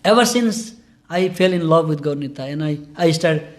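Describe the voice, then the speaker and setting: A man with a rather high voice gives a scripture class. He speaks in an earnest, informal way, and his English grammar is loose. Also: lively intonation, moderate pace. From Nepal. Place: temple hall.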